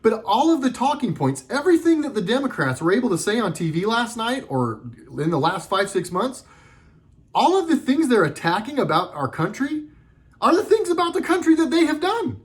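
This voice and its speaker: A man's voice: very high-pitched, very animated, moderate pace. A middle-aged man delivering a sarcastic, heated political commentary monologue with lots of emphasis.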